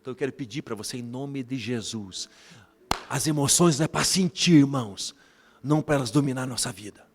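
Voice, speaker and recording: A man from Brazil preaching a sermon as bishop, animated, often calling the congregation brothers and telling family stories. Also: mid-range voice, brisk, slight background noise. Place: church. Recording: reverberant church hall.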